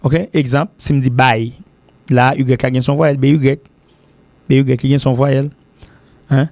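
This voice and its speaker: Man, gravelly voice, dry close sound, informal English lesson, slow repeated examples. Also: medium pitch, level tone, a little mellow, no room sound. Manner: repeats example words slowly, drawn out; mixes French and Haitian Creole. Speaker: English teacher.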